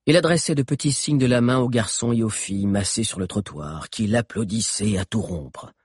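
A man's voice: lowish voice, normal speed, slightly rough, dry recording, studio quality. A man reading a novel aloud as scripted narration, telling the story expressively. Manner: expressive storytelling, voices characters. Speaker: audiobook narrator.

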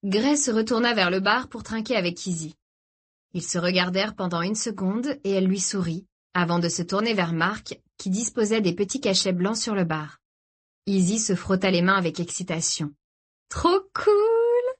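Woman reading a novel out loud, steady and measured, audiobook narration. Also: mid-range voice, slightly rough. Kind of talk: scripted narration.

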